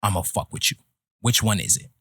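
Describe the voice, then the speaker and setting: A man in his thirties hosting a casual podcast chat, giving opinionated, lecturing advice in a slow, deliberate way. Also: fairly low pitch, gravelly, a bit bright, slightly rough, no echo, clean studio sound. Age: 30s. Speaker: podcast host.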